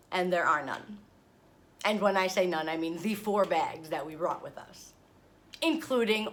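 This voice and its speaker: A tired young woman vlogging, casually telling a dramatic travel story with laughs and swings in pitch. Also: a bit bright. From New York area. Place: hotel room.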